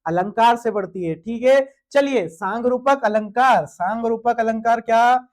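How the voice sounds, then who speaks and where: A man's voice: very high-pitched, a little slow. A young man teaching a grammar lesson for an exam, asking the students questions and answering them himself.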